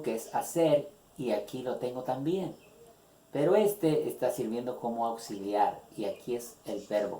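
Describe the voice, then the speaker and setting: A man teaching an English grammar lesson in Spanish, slowly repeating example questions and their translations. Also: medium pitch, dark tone. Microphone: phone. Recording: echoey room on a phone.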